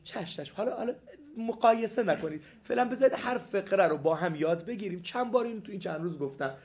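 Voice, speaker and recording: A man teaching a seminary law class, reading passages aloud and questioning his students. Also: high voice. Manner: animated, repeats points, asks the class questions. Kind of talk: jurisprudence class lecture. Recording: phone-like lo-fi recording.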